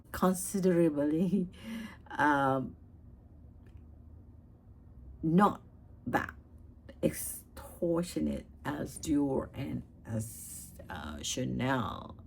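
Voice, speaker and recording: Low-voiced woman rambling about makeup. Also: gravelly, darkish tone, slight background noise, poor audio. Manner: rambling, chatty, many fillers and restarts. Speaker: beauty vlogger. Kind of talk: casual makeup chat.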